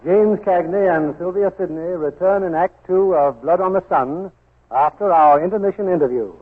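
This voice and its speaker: An American man hosts a 1940s radio show as host and announcer, reading from a script in a polished, theatrical style. His voice sits high and husky at a normal speed, heard through a muffled 1940s broadcast with music.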